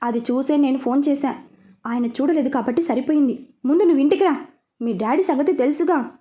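A woman's voice: high voice, fairly quick, mellow, close to an everyday voice. A woman voicing a stern middle-aged mother who scolds her daughter over the phone in a storybook reading. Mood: scolding.

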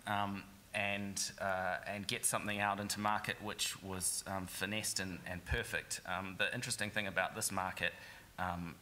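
A man's voice: on the low side, sharp tone, a little hiss or hum. A man with a New Zealand accent, an app entrepreneur on a conference panel, talking in an upbeat, joking way.

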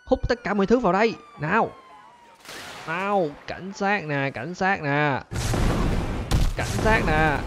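A fairly high-voiced man calls out his gameplay with lively excitement and keeps turning to his viewers. Faint ambient sound sits under his voice. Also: unhurried, long pauses, background noise. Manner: animated, keeps addressing viewers as "các bạn ơi". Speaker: gaming channel host.

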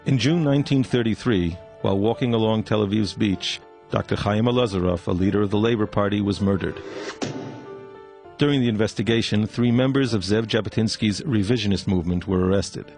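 A man reading solemn, measured scripted documentary narration. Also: on the low side, a little mellow, soft background music.

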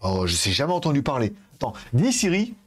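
A man's voice: medium pitch, wildly swooping pitch, fairly quick, soft background music. A man in a casual live stream, rambling and joking about phones and his plans, swearing now and then while he handles the devices. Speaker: tech streamer.

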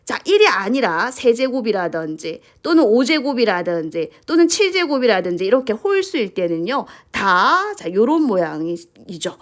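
Lively woman math teacher. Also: fairly high pitch, normal speed, hardly any pauses. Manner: lively, keeps asking questions and prompting with "자". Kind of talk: lecture to students.

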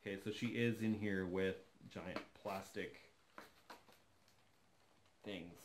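A man's voice: low voice, fairly even intonation, slow, heavy background noise. A man in his thirties chatting casually while unboxing a doll in his living room, enthusiastic and thinking aloud as he goes. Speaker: doll collector vlogger. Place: living room, seated on a sofa.

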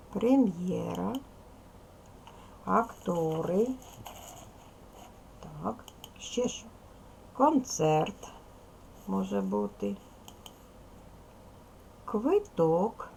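A woman teacher giving a recorded video lesson to young schoolchildren, speaking clearly and patiently. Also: medium pitch, darkish tone, a little hiss or hum. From Ukraine. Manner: slow, clear instructional delivery, addressing children.

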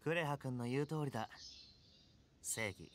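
A cool, self-assured young male game character, played by a man, with a mid-pitched voice. His phrasing is smooth and courteous, with a hint of menace, over faint music. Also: a little slow, natural voice. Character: suave, self-assured young male top-ranked gamer, politely menacing. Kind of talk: Japanese anime game voice acting.

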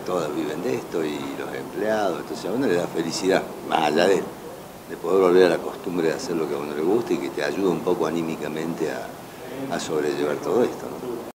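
Deep-voiced older man. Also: brisk. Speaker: café customer. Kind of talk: street interview. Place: indoors at a café table by the window. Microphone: reporter's handheld mic held close. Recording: noisy café background.

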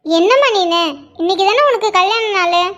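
A woman doing a calm cartoon mother. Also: very high-pitched, moderate pace. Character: middle-aged mother, calm and matter-of-fact.

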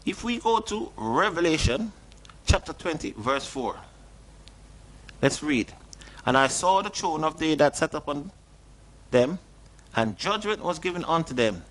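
A middle-aged man delivers a sermon from a small studio desk, reading scripture passages in an earnest voice. He questions his listeners directly and stresses key words by lifting his pitch. He is picked up by a webcam at desk distance. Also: very animated, measured pace, long pauses, fairly bright tone. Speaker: preacher.

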